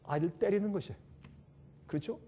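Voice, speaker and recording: A man preaching a sermon with emphasis, swinging between loud calls and quiet asides and putting questions to his listeners. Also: high voice, quick pace, breathy edge.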